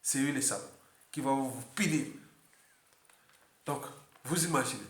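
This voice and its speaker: A man with a Congolese French accent giving an unscripted political monologue, repeating himself and jumping to high exclamations. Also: measured pace, echoey room. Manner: animated, repetitive, jumps to high exclamations. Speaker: political commentator.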